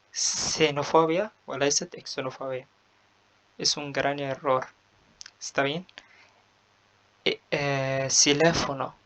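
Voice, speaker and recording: A man with an Egyptian Arabic accent teaching a Spanish pronunciation lesson. He speaks slowly and carefully, draws out syllables when he demonstrates words, and often pauses with "aah". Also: on the high side, a bit bright. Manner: frequent hesitant "aah" fillers.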